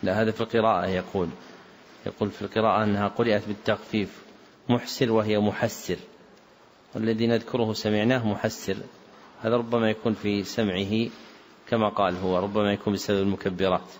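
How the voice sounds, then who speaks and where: A male scholar giving a lesson, reading out corrections to a text in a measured way and repeating page numbers for his students. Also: on the low side, flat delivery. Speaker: Islamic scholar teaching a book lesson. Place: lecture hall or mosque with loudspeakers. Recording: reverberant hall with faint ambient noise.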